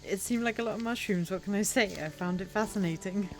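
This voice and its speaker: A woman's voice: medium pitch, quick pace, soft background music. A woman chatting casually and enthusiastically as she narrates a country walk for a vlog. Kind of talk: casual chat.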